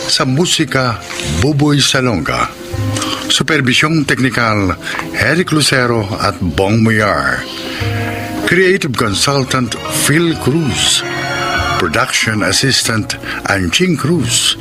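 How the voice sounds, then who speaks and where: A man announcing and narrating a radio drama in a deliberate, theatrical scripted style. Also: mid-range voice, big pitch swings. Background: loud music.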